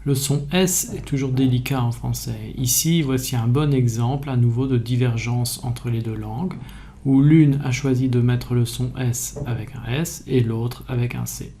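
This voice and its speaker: A man calmly explaining spelling in a video lesson, methodical and even. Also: medium pitch, normal speed, slight background noise. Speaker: French language teacher.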